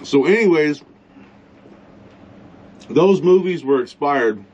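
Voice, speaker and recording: A man's voice: fairly high pitch, animated, slow, darkish tone, muffled recording, a little hiss or hum. A man rambling bluntly in a casual vlog from inside his truck at a campsite, eating as he talks. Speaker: vlogger.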